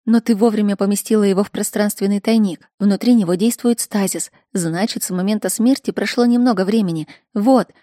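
A woman reading a story aloud, voicing a brisk, practical older sister who speaks firmly. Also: mid-range voice, dark tone, no echo, studio quality, close to an everyday voice. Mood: matter-of-fact.

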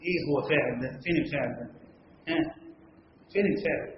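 Egyptian male teacher, brisk questioning delivery in a long-reverb room. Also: on the high side, slight background noise. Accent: Egyptian Arabic. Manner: quizzes students, frequent check-in questions. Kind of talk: classroom lesson. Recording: echoey hall, dull lo-fi sound.

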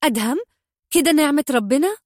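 An anxious young Egyptian mother, her voice pitched up and lively as she pleads and argues, voiced by a woman narrator. It sits close and dry, with no room around it. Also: fast, dry recording. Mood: indignant. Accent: Egyptian Arabic. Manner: pleading, then scolding and indignant.

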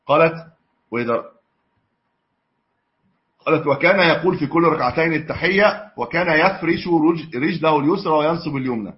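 A man teaching a religious lesson on hadith, mixing classical with colloquial asides and correcting himself as he goes. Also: medium pitch. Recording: dull lo-fi lesson recording.

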